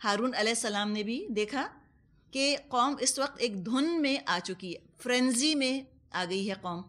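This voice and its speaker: Woman teaching quran tafseer, pakistani urdu accent, bit high voice, patient examples, mixes in english words. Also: a bit bright. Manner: explains patiently with everyday examples and questions to listeners. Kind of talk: Quran commentary lesson.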